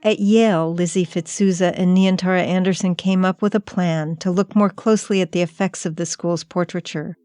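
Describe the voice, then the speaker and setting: A woman hosting a documentary podcast, narrating in a measured, reflective storytelling manner. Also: lowish voice, steady tone, dark tone, dry recording, studio quality. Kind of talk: scripted narration.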